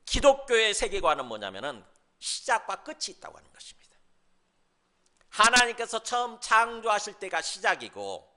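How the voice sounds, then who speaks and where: A man's voice: high voice, pushed and bright. A male pastor giving a sermon in a conversational way, asking rhetorical questions and briefly mimicking scoffers. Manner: mimics scoffers in mocking asides.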